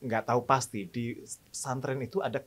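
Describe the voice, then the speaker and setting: A man's voice: mid-range voice, fairly even intonation, normal speed, fairly bright tone, breathy edge. A man hosting a studio interview, chatting casually and humming along as his guests speak. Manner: frequent short backchannel hums and laughs. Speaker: host.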